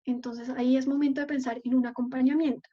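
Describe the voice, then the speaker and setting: A woman's voice: high voice, little pitch movement, quick pace, warm tone, muffled recording. A woman psychologist giving a live online talk and answering questions from the chat, explaining patiently and often checking in with her listeners.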